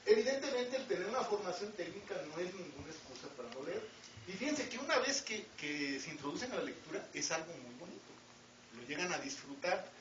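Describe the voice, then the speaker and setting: A middle-aged man with a Mexican accent lecturing students in an academic talk, with wry joking asides and frequent rhetorical questions. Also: a little high. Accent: Mexican Spanish. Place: lecture hall with audience. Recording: roomy, distant, dull, noisy lecture hall recording.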